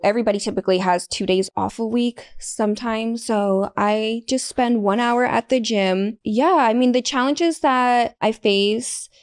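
A woman's voice: on the high side, unhurried, few pauses. A young woman hosting a podcast, talking candidly and bluntly in a casual chatty way. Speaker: podcast host. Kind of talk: casual solo podcast talk.

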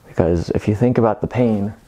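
Man in his thirties, lowish voice, casual workout vlog chat, informal, halting delivery, home gym. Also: dark tone. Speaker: fitness vlogger. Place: home gym room, indoors.

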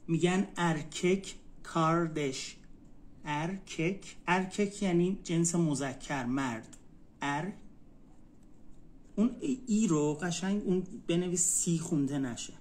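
A man from Iran teaching a student one-on-one, saying each word slowly and repeating it so the student can write it down. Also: fairly high pitch, animated. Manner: repeats words slowly, spells them out for a student. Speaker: Turkish language tutor. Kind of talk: one-on-one language lesson.

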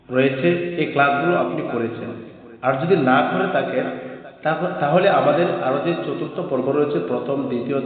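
A man with a Bangladeshi Bengali accent teaching a Quran reading lesson, chanting the letter drills slowly in a sing-song way. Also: mid-range voice. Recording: echoey, tinny phone-like audio.

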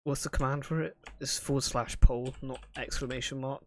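In a small room at home, a young man chats casually with his live stream viewers, playful and full of banter. His medium-pitched voice is fairly even at normal speed, caught on a close desk microphone with some background noise.

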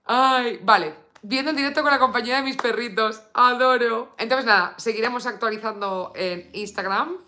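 Woman streamer, from Spain, bright tense voice, chatty and rambling, coos to her dog. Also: on the high side, normal speed, few pauses. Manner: chatty, lots of fillers, reads viewer comments aloud. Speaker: beauty vlogger live streaming. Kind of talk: casual live stream chat.

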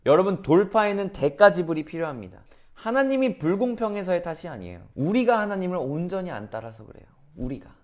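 A man's voice: high voice, big pitch swings, fairly quick. A man preaching as a youth pastor in an earnest sermon, often putting rhetorical questions to his listeners.

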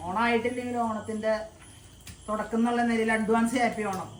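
A woman's voice: on the high side, fairly even intonation, fairly quick, slight background noise. A woman, chatting casually in a family vlog while directing helpers outdoors. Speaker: vlogger. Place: outdoor home yard.

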